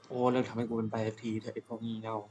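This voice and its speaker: A young man casually commentating his own video game play, excitable, calling out attack names and humming along in fights. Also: lowish voice, rapid-fire, highs cut off. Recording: game music behind the voice.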